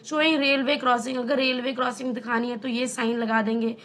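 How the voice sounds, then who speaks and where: High-voiced woman teaching casually. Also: little pitch movement, normal speed, fairly bright tone. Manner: chatty, explains with everyday examples and rhetorical questions. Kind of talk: casual online lesson.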